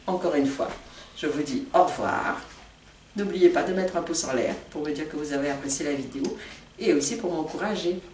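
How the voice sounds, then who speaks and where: A woman's voice: deep voice, fairly quick, darkish tone. A woman teaching vocabulary in a patient lesson, repeating each word carefully for learners. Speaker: language teacher. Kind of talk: slow, deliberate language lesson. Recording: echoey room, far from mic, faint noise.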